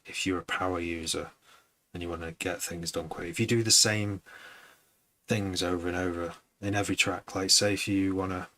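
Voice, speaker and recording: A man's voice: sits low, sharp tone, low-quality recording. A man who produces music, chatting casually on a live stream, rambling and hesitant with many restarts.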